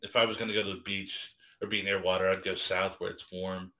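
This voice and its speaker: Rambling low-voiced bright man. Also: little pitch movement, brisk. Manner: rambling, self-deprecating, many restarts. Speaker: podcast co-host. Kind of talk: casual podcast banter.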